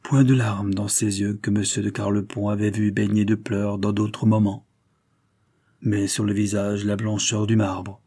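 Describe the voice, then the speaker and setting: Low husky male audiobook narrator. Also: level tone, a little slow, warm tone. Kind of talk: scripted narration of a classic novel.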